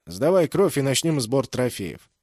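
A man's voice: medium pitch, very animated, a little slow, darkish tone, no room sound, clean studio sound. A man voicing a wry, bold, teasing male spaceship captain in an audiobook. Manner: brash, teasing. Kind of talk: audiobook character voice.

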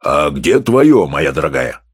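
A man reading an audiobook, voicing a gruff, domineering middle-aged professor who growls and mocks. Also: extremely low pitch, very animated, unhurried, dry recording, clean studio sound, pitched below the performer's own voice, exaggerated voice. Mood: gruff mocking. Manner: growling, mocking.

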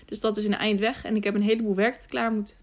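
A woman's voice: mid-range voice, level tone, quick pace, a little mellow, lightly acted. A woman reads a cheerful young peasant boy, wary of a stranger and doubtful. He sounds plain and a little cheeky, as in a storybook. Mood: reluctant. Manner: surprised, doubtful, teasing.

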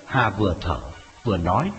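A man narrating a dramatic story in a scripted, expressive telling. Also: low-pitched, normal speed. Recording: dull lo-fi audio with music. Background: music.

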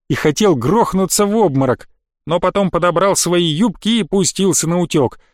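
High-voiced man narrating a story. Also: no echo, studio quality. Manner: lively, expressive storytelling. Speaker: audiobook narrator. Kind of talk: scripted first-person narration.

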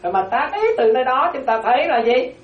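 In a high-pitched, fast, lively voice, a nun teaching a class gives her dharma talk, repeating core phrases and peppering listeners with questions about whether they're following. A distant mic in a roomy space yields muffled sound with a little hiss or hum.

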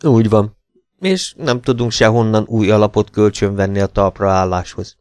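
An earnest young man levels with his friend in a frank, sober voice, as a male audiobook reader gives him lines. The voice sits fairly low and the recording is dry and close. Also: a little mellow, no echo, natural voice. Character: young man, old friend, bearer of bad news. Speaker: character in audiobook. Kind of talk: audiobook character reading.

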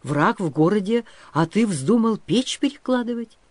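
Doubtful grumbling blacksmith, read by a male narrator, slow and incredulous. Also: high voice, wildly swooping pitch, warm tone, no room sound, voice pushed up, full character voice.

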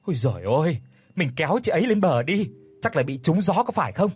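A man voicing a worried young peasant wife who speaks in anxious, hurried pleas, in a spoken horror story. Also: on the high side, very animated, husky, full character voice.

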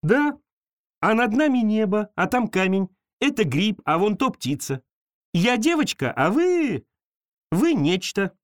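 A bright, friendly little girl, as a male storyteller puts her on, kind and a little brave. Her lines sit high and bounce up and down. The voice is close and dry. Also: sing-song, unhurried, no room sound. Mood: cheerful.

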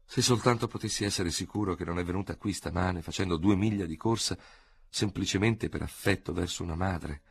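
A man's voice: low-pitched, fairly quick, gravelly, breathy edge, full character voice. Man reading a hesitant, courteous old general. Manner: hesitant, polite. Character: awkward, courteous middle-aged male general. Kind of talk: audiobook character voice.

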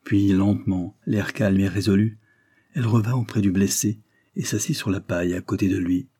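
Male narrator, measured, solemn, husky voice, low pitch. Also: fairly even intonation, mellow, dry recording, clean studio sound. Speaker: audiobook reader. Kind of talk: scripted narration.

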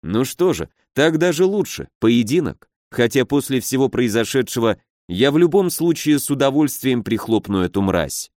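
A man reading a first-person fantasy story aloud with steady, measured storytelling. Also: mid-range voice, no room sound, clean studio sound. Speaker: audiobook narrator.

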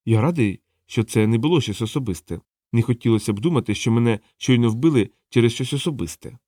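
A man's voice: medium pitch, quick pace, warm tone, no echo, clean studio sound, close to an everyday voice. A man voicing a freshly dead male clown, puzzled and plaintive. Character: dead male clown, bewildered but mild.

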